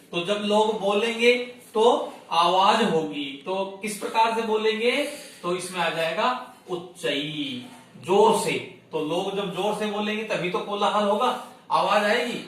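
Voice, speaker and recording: Male teacher, bright voice, slow and deliberate, quizzing himself as he explains; very echoey room, off-mic. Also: sits high. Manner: explains step by step, asks and answers his own questions. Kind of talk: online class lesson. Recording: echoey room, distant mic, faint noise.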